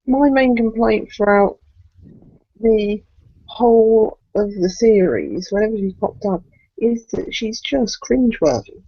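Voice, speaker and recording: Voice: mid-range voice, dry recording. Cohost ranting about a show, fired up and opinionated, muffled dry audio. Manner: animated and opinionated, quick to complain. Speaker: podcast co-host. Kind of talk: casual fan chat, ranting. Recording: dull lo-fi dry recording.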